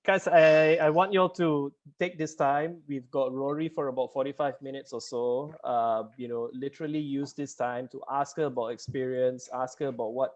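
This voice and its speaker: Over muffled video call audio, the host of a student online townhall talks in a chatty, rambling way, laughing often and leaning on fillers. His medium-pitched voice is fairly even, at normal speed with hardly any pauses.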